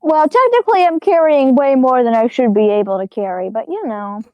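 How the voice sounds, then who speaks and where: A woman's voice: sits high, animated, brisk, dry recording, dull audio. A woman playing a tabletop game, joking and sarcastic in casual banter. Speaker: player.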